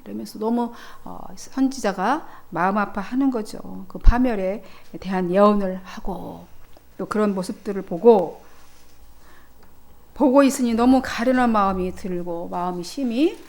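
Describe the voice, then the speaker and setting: A woman's voice: mid-range voice, unhurried, creaky, a little mellow. A woman pastor preaching a sermon in a church, emphatic and swelling then dropping in volume.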